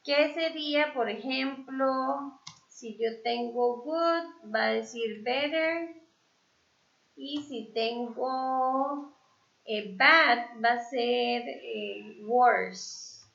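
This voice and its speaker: Woman teacher, slow, patient explanations with fillers, gravelly, echoey lo-fi sound. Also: sits high, a bit bright. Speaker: English teacher. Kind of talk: online class review.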